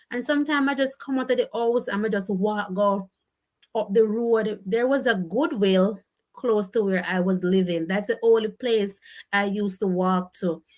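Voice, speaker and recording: A woman's voice: medium pitch, darkish tone. Jamaican woman, livestream host, chatty storyteller, patois mixed in, laughs a lot. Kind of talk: casual livestream chat, reading viewer comments.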